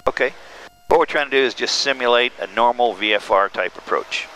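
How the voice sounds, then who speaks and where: A man giving calm, step-by-step instructions as a flight examiner, talking over a pilot headset inside a small airplane. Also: mid-range voice, brisk, rough recording. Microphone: aviation headset. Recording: aircraft cockpit intercom with engine noise.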